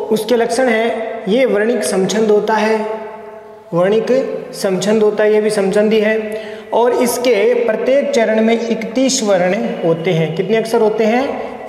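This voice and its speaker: A man's voice: high voice, darkish tone. A male college lecturer teaching poetry meter, explaining step by step and counting syllables aloud. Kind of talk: recorded Hindi poetry lesson. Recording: echoey room with long reverb.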